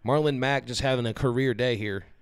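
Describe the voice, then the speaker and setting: A man's voice: mid-range voice, fairly even intonation, brisk, smooth, dry recording. A man in his early thirties co-hosting a live watch party, reading viewer comments aloud and calling the plays. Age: 30s. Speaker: show producer and co-host. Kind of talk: casual live chat and play-by-play.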